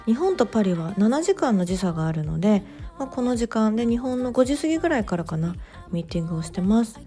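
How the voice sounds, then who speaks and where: A woman's voice: mid-range voice, big pitch swings, quick pace, soft background music. Chatty woman narrating a vlog. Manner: chatty, gently enthusiastic, with soft fillers. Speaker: bookstore owner vlogger. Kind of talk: relaxed vlog voice-over narration.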